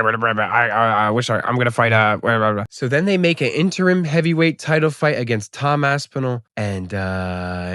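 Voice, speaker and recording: A man's voice: on the high side, a bit bright, no echo, clean studio sound. A young man giving a casual, comedic fight recap, rambling and swearing as he jokes. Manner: profane, rambling, joking. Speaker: YouTube MMA commentator.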